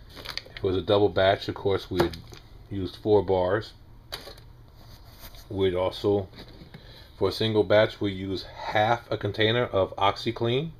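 Speaking in a lowish, flat voice, a little slow and with frequent pauses, this forties-aged homestead vlogger with a Southern US accent explains a how-to indoors in a small wood-paneled room. He's plain-spoken and casual, rambling a bit with fillers and restarts.

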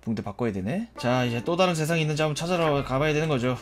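A man casually commenting on his own gameplay, jokey and animated, swearing and yelping at enemies. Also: a little high, racing, soft background music. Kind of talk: casual let's-play commentary.

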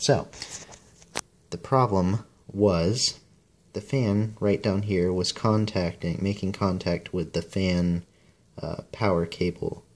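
Casting: low-pitched man, unhurried casual how-to delivery, halting, with whistly sibilant S's. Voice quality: whistling S sounds. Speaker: video maker giving a repair tip. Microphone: cell phone, close handheld.

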